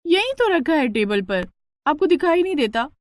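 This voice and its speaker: A woman's voice: on the high side, animated, brisk, close to an everyday voice. A woman voicing a vain, lovestruck young woman in a storybook cartoon, petulant and coquettish. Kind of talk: storybook narration.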